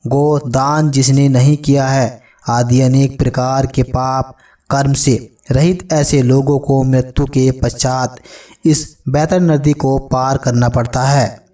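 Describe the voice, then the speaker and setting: Guy reading a religious story, slow and solemn, kinda far from the mic. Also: medium pitch, mellow. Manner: solemn, measured storytelling addressed to friends. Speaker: narrator. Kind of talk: scripted religious narration.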